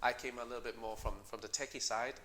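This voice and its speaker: A middle-aged man, a company co-founder, answering interview questions in a measured way with many fillers and restarts. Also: medium pitch, little pitch movement, bright, forceful tone, slight background noise. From Denmark.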